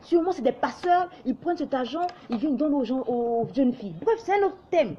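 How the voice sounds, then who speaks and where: Her voice is high, animated, brisk, mellow, and husky, captured with lo-fi sound. She is a young Ivorian online commentator with a light accent, giving a fervent, preachy monologue to camera and mimicking other people in quoted asides.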